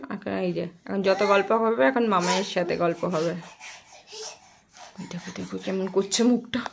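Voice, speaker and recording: A young woman with a Bengali accent filming her small son for a family vlog, coaxing him in a playful sing-song and dropping to hushed asides. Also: mid-range voice, normal speed, creaky, crowd noise. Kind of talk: casual family vlog narration and talk to a child.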